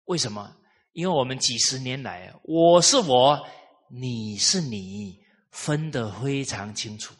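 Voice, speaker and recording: Guy teaching a live class, husky voice, mid pitch, lots of questions thrown at the room. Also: takes it slowly. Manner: lively storytelling with rhetorical questions to the audience. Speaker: lecturer on traditional culture. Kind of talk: live lecture to an audience.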